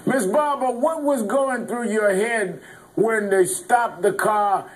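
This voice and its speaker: A man anchoring a news program, introducing a story and interviewing guests in a measured, earnest way. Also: sits high, rough recording. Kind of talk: broadcast news presenting.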